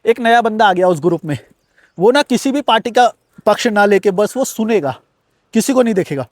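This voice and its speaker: A man hosting a self-help video, talking fast in an unbroken flow and addressing the viewer directly, words into his speech. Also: high-pitched, lively intonation, no room sound, studio quality. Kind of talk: fast-paced motivational talk to camera. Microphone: recording to camera on a device.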